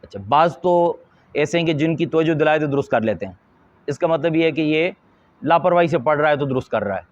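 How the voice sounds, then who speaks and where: A man, a Quran teacher from Pakistan, explains pronunciation mistakes to teachers in an earnest, deliberate instructional talk. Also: fairly high pitch, no room sound. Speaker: Quran teacher and madrasa supervisor. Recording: slightly dull lo-fi audio.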